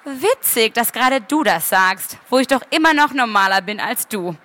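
A woman's voice: on the high side, lively intonation, normal speed, bright, forceful tone. A woman reading aloud at a book fair, voicing a serious, impatient young man with a dry, matter-of-fact manner.

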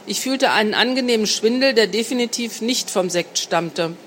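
A woman narrating an erotic novel in the first person, in an intimate, measured storytelling voice. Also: on the high side, a bit bright, a little hiss or hum. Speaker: audiobook narrator.

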